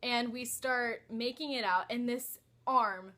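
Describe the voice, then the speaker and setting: This young vlogger shares a personal story slowly, her fairly high voice carrying a sharp edge. Hesitation runs throughout, with frequent "like" and "um" fillers in this casual video.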